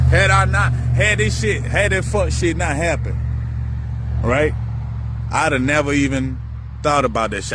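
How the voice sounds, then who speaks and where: A man talking in a rambling, profane outdoor monologue, musing on spirituality and repeating himself as his thoughts drift. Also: medium pitch. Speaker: vlogger. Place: outdoors beside a busy road. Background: faint passing traffic.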